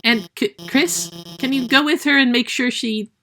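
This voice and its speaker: A woman's voice: high-pitched, moderate pace, pushed and bright, a little hiss or hum, pitched above the performer's own voice. Brief: timid stammering lizard teacher, a woman voicing her. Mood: nervous. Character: nervous female lizard teacher.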